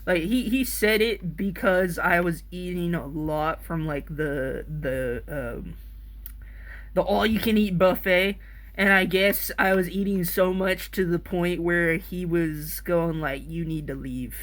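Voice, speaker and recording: Rambling, excitable man telling a story. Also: high-pitched, slow. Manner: excitable, rambling, swears freely. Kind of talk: casual rambling anecdote.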